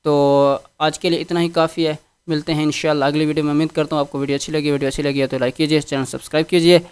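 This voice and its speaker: A man's voice: a little high, level tone, smooth. A man teaching English, going through a text line by line and patiently repeating each meaning.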